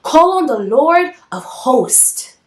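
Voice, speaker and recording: A woman preaching with emphatic, repeated declarations, her voice sitting somewhat high. The sound is echoey, as if in a bare room. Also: big pitch swings, slow pace. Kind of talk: devotional preaching.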